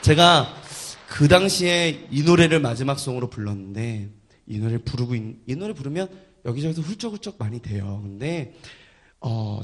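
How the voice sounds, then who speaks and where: Gravelly preacher with a lively voice. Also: male voice, medium pitch. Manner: dramatic storytelling, swings from loud to hushed. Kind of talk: sermon testimony.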